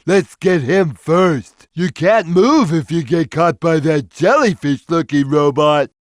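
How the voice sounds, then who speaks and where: An actor playing a big, gentle, simple-minded cartoon cat in a video game, speaking in a slow, earnest, friendly way. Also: male voice, on the high side, animated, dry recording, clean studio sound. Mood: easygoing, earnest. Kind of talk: video game character lines.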